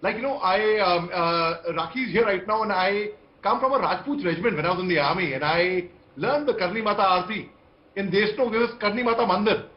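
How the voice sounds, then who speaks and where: Speaking briskly in a high-pitched voice, an Indian-accented army veteran makes impassioned, repetitive, emphatic points as a TV debate panelist. He's on a video call from an indoor room, and the call mic leaves his sound muffled and echoey.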